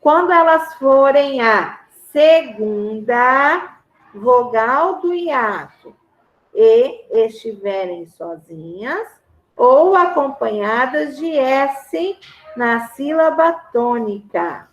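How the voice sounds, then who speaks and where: Brazilian woman teacher, high voice, echoey room, keeps checking everyone gets it. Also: expressive, drawn-out words. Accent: Brazilian Portuguese. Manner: patient, repeats and checks understanding. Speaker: schoolteacher. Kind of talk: grammar lesson to a class. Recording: roomy echo.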